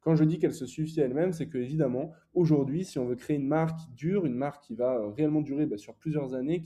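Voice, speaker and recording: A man's voice: mid-range voice, dark tone. A young man teaching online advertising in a casual, explanatory way, with frequent fillers and self-corrections. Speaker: e-commerce ads coach.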